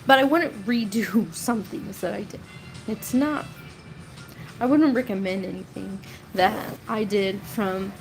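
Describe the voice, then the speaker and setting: This fairly high-pitched woman in her thirties is a storytelling creator, laughing often as she tells rambling, chatty stories about her earlier life on a relaxed live stream. The audio is rough.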